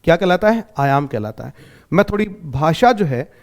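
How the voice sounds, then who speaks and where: An Indian man teaching literature for an exam, asking questions and answering them himself, repeating key points slowly in simple words. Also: a little high, big pitch swings. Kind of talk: exam-prep literature lecture.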